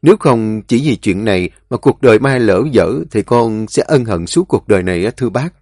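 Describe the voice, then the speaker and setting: A man's voice: fairly low pitch, animated, brisk, a little mellow, dry recording, clean studio sound. Man doing an earnest young suitor. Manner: earnest, polite.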